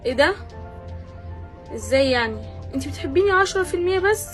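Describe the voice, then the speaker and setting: A woman playing a very high-voiced, dramatic, lovestruck girl, Egyptian accent, faint music. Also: lively intonation, fast talker, a bit bright. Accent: Egyptian Arabic. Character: naive lovestruck young woman, Koki.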